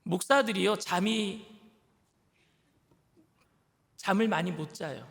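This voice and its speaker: A man's voice: high voice, moderate pace, vocal fry, a bit bright. A male pastor giving a conversational sermon, now and then acting out the disciples' anxious complaints. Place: church sanctuary. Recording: church hall reverb.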